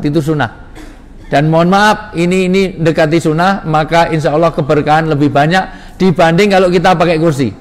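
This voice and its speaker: A man preaching an interactive mosque sermon, joking and directing his audience. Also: fairly high pitch. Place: large mosque hall. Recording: reverberant hall with faint ambience.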